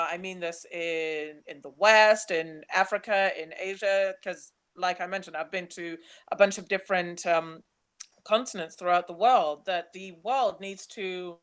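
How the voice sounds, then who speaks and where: A young woman from Nigeria, speaking, gives a chatty, animated webinar talk about her travels while slides are changed. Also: lowish voice, unhurried, smooth. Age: young adult. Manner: chatty, animated, laughs easily.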